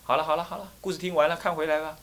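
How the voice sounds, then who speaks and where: A man's voice: fairly high pitch, fairly even intonation, rapid-fire, a bit bright. A Taiwanese man, a Buddhist temple abbot, tells a story during a dharma lecture in Taiwanese Mandarin. He laughs often, acts out the characters and makes sound effects as he goes.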